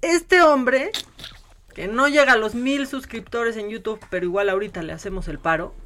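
A woman's voice: fairly high pitch, normal speed. Sarcastic woman radio host. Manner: sarcastic, mocking, animated rants. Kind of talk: casual chat. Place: radio studio.

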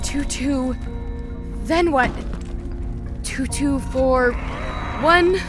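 Actress playing trapped stubborn young woman, very high pitch, strained, halting, horror drama, very loud music. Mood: tense concentration. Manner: halting, strained, exclamatory outbursts. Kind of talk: dramatic survival horror acting.

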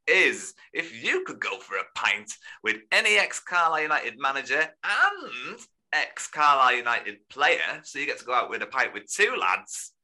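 A man's voice: medium pitch, very animated, normal speed, pushed and bright. A man hosting a casual football podcast, rambling and joking and laughing often. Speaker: podcast host.

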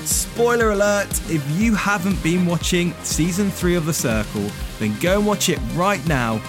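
A man's voice: fairly high pitch, normal speed, music in the background. A man hosting a podcast in a casual, chatty style. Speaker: podcast host.

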